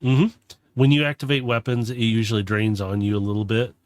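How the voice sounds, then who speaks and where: A man's voice: lowish voice, little pitch movement, fairly quick, no echo. A man working as game master, improvising casual, descriptive narration for a tabletop game and correcting himself as he goes.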